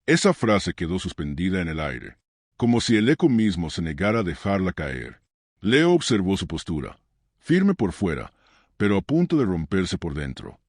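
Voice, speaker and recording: A man narrating a scripted story in a measured way with dramatic pauses. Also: low-pitched, sing-song, no room sound, studio quality.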